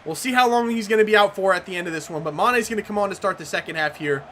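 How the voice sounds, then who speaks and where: Excitable, sharp-voiced woman gaming commentator. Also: medium pitch, racing, slight background noise. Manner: excitable, swearing, shouts at big plays. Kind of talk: video game commentary.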